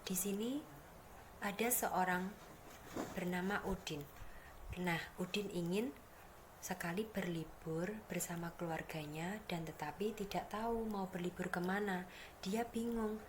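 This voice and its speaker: A young woman, a student teacher, giving a practice classroom lesson to children in a soft, partly breathy voice. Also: lowish voice, unhurried, pauses often. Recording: noisy recording with background hum.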